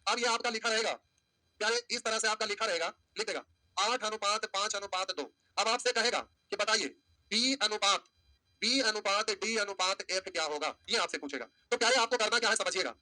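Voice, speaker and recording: A man's voice: high-pitched, fast talker, sharp tone. A male maths teacher, teaching a class by telling a story and repeating his points. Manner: storytelling teacher, repetitive, addresses students as "pyare".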